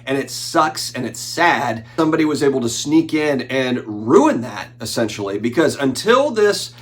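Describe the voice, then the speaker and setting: Flu-stricken and slightly nasal, this forty-something man chats about collectibles for his channel in a loose, rambling way. He's very animated, with a mid-range voice at normal speed, and his talking-head commentary is peppered with fillers and false starts.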